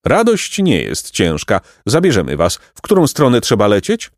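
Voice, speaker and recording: A man's voice: fairly low pitch, huge pitch swings, normal speed, dry recording, clean studio sound. A man voicing a pompous, courtly male pelican who speaks with grand politeness and shrieks. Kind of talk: audiobook character voice.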